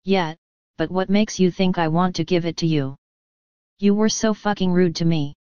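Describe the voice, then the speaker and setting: A woman's voice: on the low side, steady tone, moderate pace, a little mellow, clean tone, dry recording, muffled recording, natural voice. A woman playing a huffy, sassy, grudging survivor in an audio drama. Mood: indignant. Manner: indignant, sassy.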